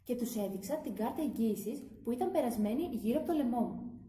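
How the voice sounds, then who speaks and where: A woman kindergarten teacher reading a children's story aloud with gentle, expressive narration. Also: on the high side, reverberant, a little hiss or hum.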